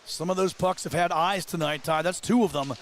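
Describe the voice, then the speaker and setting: A man working as play-by-play commentator, calling a hockey game rapidly and getting excitable on big plays. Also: on the high side, crowd noise. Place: live at an ice rink.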